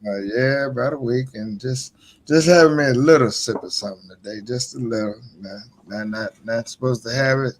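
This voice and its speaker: A man's voice: medium pitch, normal speed. A man hosting a casual live chat show in colloquial, teasing talk, speaking with a missing front tooth. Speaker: show host. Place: indoors at home.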